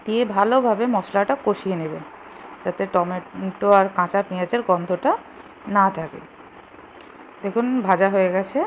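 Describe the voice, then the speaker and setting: A woman with a medium-pitched voice walks through a recipe step by step in simple, casual language as host of a home cooking video. She speaks at normal speed with long pauses, and the home kitchen recording is clearly noisy.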